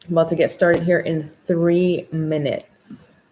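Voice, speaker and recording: An American woman from Orlando, Florida, talking with new braces as she hosts a casual live makeup class, upbeat, excited and slangy in chatting with viewers. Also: sits low, measured pace, slight background noise. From Orlando, Florida, USA. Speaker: makeup workshop host.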